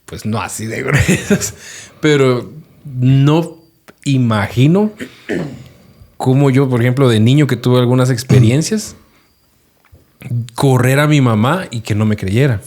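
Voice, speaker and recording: A man hosting a podcast, speaking in a relaxed, reflective, casual way. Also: mid-range voice, measured pace, pauses often. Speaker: podcast host. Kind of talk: casual chat.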